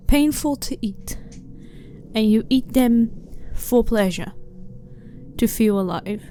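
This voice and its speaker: In a sci-fi ASMR roleplay, a woman plays a female alien scientist, blunt and clinical yet curious, calm, and not hostile, delivering a soft-spoken, slightly formal, matter-of-fact monologue to the listener. Her voice is dark, relaxed, middle-pitched, and close to an everyday voice, and she sounds baffled. Noticeable ambient noise sits behind her.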